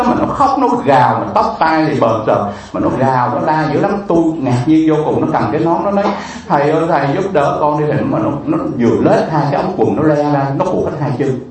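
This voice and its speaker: Fast-talking monk, echoey. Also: male voice, a little high. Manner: vivid, emotional storytelling with many repeated fillers. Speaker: Buddhist monk. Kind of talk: storytelling sermon. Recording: echoey room, distant mic, faint ambience.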